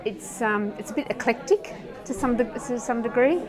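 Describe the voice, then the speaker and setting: Woman, fairly high voice, rambling, restarts, busy crowd behind. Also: normal speed. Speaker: local business owner. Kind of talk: vox pop interview. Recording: street crowd noise behind.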